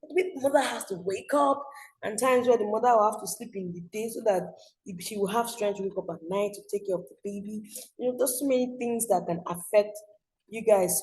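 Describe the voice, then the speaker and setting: A woman's voice: medium pitch, a little mellow, low-quality recording. A young Nigerian woman teaching an online school class, chatty, often checking "you understand?".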